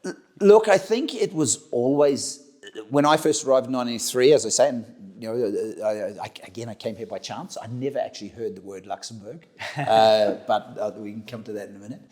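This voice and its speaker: Fairly quick and a little mellow, this medium-pitched voice belongs to a middle-aged company director with a New Zealand accent. As an interview guest, he replies in a chatty way, frequently restarting and repeating himself.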